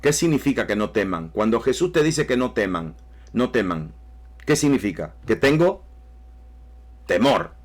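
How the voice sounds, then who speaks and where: A man's voice: on the low side, very animated, normal speed. A man preaching a sermon emphatically, with rising bursts and repeated phrases. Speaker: pastor.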